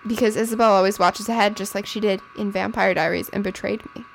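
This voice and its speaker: A woman's voice: medium pitch, fairly even intonation, vocal fry, rough recording. A young woman co-hosting a podcast, gushing and joking as she chats casually about TV shows. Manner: bubbly, gushing, quick to joke. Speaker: podcast co-host. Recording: faint background noise.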